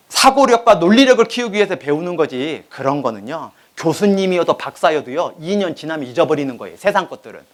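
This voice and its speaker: A man in his forties preaching a sermon, telling stories with lively acted-out family voices. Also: sits high. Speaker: pastor.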